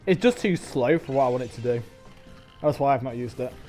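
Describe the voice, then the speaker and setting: A man's voice: mid-range voice, animated, fairly quick, a little mellow, faint music behind. Chatty English man streaming a game. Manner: rambling, chatty, talks with mouth full. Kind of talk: casual live-stream chat while gaming.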